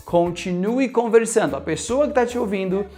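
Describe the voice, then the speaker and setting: Over loud music, a high-pitched man speaking at normal speed teaches a relaxed English lesson with a Brazilian Portuguese accent. Animated throughout, he slips English phrases into his speech and often checks in with viewers with an "ok?".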